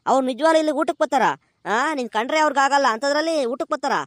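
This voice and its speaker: A woman putting on a cheeky village husband in a cartoon, teasing and quizzical. The voice stays high and quick despite the male role. Dry, close sound. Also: dry recording, natural voice. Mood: puzzled.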